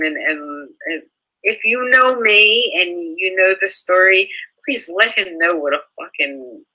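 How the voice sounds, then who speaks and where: A woman's voice: on the low side, bright, forceful tone, poor audio. A young woman reading out online comments and answering them in an indignant, sarcastic, profane rant, stumbling and restarting as she talks. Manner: halting with frequent restarts. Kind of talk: casual ranting commentary.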